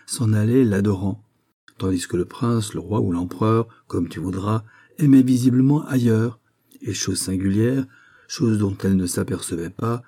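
A sly, teasing young court lady from a storybook reading, voiced by a man who lifts his pitch for her. The voice underneath stays dark and husky, and the irony keeps coming through. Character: mocking young lady-in-waiting, teasing and ironic.

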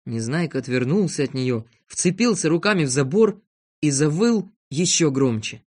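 Calm storybook reader. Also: mid-range voice, moderate pace. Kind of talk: storybook narration.

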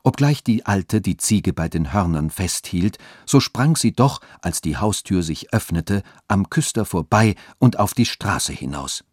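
Male narrator, radio story, calm even reading, low voice, dry close sound. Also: a little slow, few pauses, slightly rough, no room sound.

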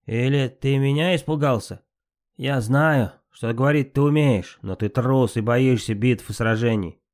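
A man's voice: medium pitch, unhurried, a little mellow, natural voice. A man reading an audiobook, voicing a spiteful, insolent male trickster god of fire who talks back with scorn. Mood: defiant, mocking. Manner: mocking, defiant.

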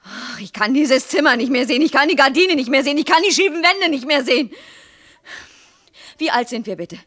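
An actress in her twenties playing a frustrated young wife and teacher in a 1970s radio play, sharp and sarcastic. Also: fairly high pitch, animated, a little fast. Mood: bitter. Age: 20s.

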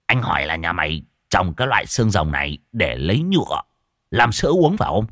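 A man's voice: low voice, very animated, a little fast, a bit bright, no echo, clean studio sound, voice pushed down, exaggerated voice. A man voicing a rude, swaggering old man who grumbles and bellows coarsely. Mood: brash.

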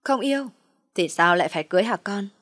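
Woman voicing an aunt, calm, probing questions, dry sound. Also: medium pitch, fast, no echo. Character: caring, shrewd older aunt, calm and probing.

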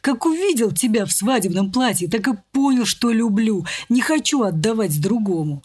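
A woman voicing a lovesick, frantic young man in an audiobook, speaking slowly and a little lower than her narration. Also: lively intonation, darkish tone, husky. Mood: pleading.

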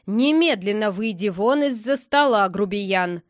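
A woman's voice: mid-range voice, animated, a little slow, no echo, studio quality, natural voice. A woman voicing a stern, scolding father in a read-aloud storybook. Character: stern, angry adult father.

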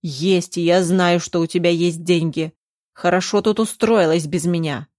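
Woman playing a raging drunk guy yelling for cash, lowish and slow. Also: steady tone, dry recording, clean studio sound, natural voice. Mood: furious. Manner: shouting, menacing. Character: drunk, frenzied young man demanding money.

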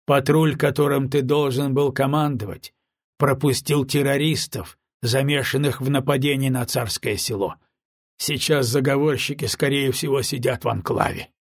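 A man voicing a weary older admiral who speaks in a flat, emotionless voice. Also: medium pitch, moderate pace, no room sound, clean studio sound, lightly acted. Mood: resigned.

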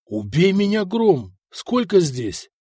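A gloomy, battle-worn soldier, as a male narrator puts him on, muttering low and blunt. The voice drops below the reader's own and stays quiet and dry. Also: big pitch swings, takes it slowly, husky, no echo, heavily acted.

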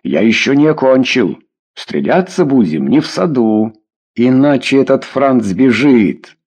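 A man's voice: mid-range voice, sing-song, measured pace, darkish tone, husky. A man reading an audiobook voices a drunk, sneering nobleman who is picking a duel, in a raised, jeering tone. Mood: hostile.

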